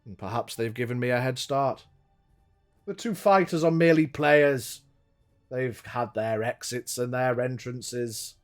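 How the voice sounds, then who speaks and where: A man voicing a theatrical villainous showman whose booming voice carries across an arena, grandiose and pompous. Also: lightly acted. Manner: pompous, grandiose, quoting stagey lines. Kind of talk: tabletop game master voicing a character.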